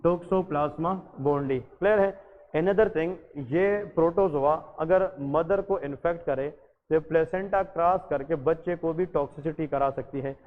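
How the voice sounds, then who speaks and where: A man gives an exam-focused medical lecture in a fairly high voice, switching between English terms and Hindustani and firing questions at the class before answering them himself. The audio is thin and phone-like. A long reverb trails behind each phrase. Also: unhurried. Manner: addresses listeners as janab.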